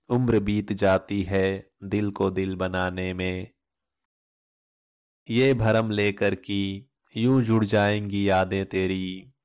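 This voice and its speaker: A man with a very low voice recites love couplets at an unhurried pace. His delivery is measured and solemn, and his pitch stays flat and even from line to line. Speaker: channel host and poetry reciter. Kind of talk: scripted recitation of love poetry.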